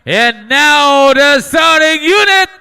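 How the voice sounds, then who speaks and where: A man doing hyped arena announcing, stretching out and shouting names like a showman in a fighting game. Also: very high-pitched, expressive, slow. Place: large indoor basketball arena over PA.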